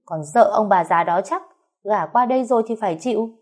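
Woman voicing a harsh, scornful young husband, low dark shouting. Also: animated, normal speed. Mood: angry shouting. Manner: barking orders, scornful.

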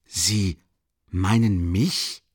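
Brief: a male reader playing a pompous, blustering middle-aged gent, lively voice, dry close sound. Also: medium pitch, a little fast, no room sound, voice pushed up. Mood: defensive. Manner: defensive, stammering, blustering. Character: pompous middle-aged man, flustered and defensive.

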